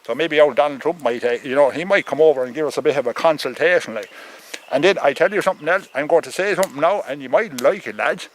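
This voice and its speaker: A man's voice: fairly high pitch, fast talker, a little hiss or hum, rough recording. A man with a thick rural Irish accent giving a rambling comic monologue as an opinionated farmer, stammering, repeating himself and swearing.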